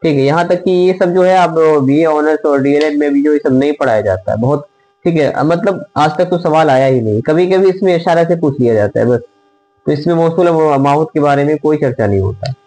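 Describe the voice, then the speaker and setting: A man teaching an online grammar lesson, asking questions and answering them himself, repeating the items slowly as he writes them out. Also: a little high, dark tone, poor audio. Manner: drills by asking and answering his own questions.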